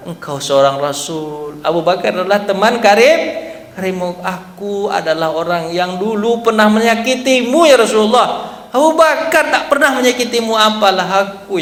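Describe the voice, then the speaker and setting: A man preaching in a mosque, voicing a humble, remorseful male companion in a soft, self-effacing way. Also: high-pitched, gravelly, heavily acted. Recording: echoey hall reverb.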